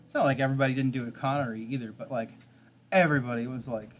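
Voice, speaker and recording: A man's voice: mid-range voice, steady tone, very fast, slight background noise. A man in his thirties, a game streamer, chatting casually with his viewers late at night, chuckling often as he answers chat.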